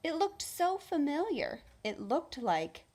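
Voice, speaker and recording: Her voice sits high as she reads aloud from a children's storybook in a teacherly way, telling the story expressively and deliberately.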